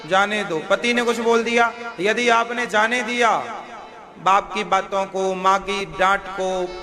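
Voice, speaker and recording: A male spiritual preacher giving a devotional sermon in a homely, coaxing way, drawing answers from his listeners. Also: high-pitched. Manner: homely, coaxing talk that draws answers from the crowd. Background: violin music.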